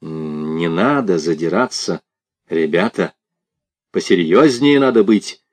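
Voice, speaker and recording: A man reading an audiobook, voicing a composed, worldly man who speaks in measured, admonishing tones. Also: mid-range voice, very animated, a little mellow.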